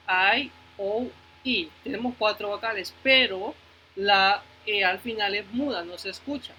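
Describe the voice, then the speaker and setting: A male teacher leads children through a phonics lesson, patiently repeating words, checking in with the class, and switching between Spanish and English. His voice sits high and sharp. The recording is rough, with slight background noise.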